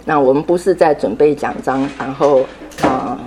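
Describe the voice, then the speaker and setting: Low-voiced woman teaching slowly. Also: background noise. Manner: unhurried, repeats key phrases, sprinkles English words; ends phrases with soft tag particles. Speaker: Sunday school teacher. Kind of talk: classroom teaching talk.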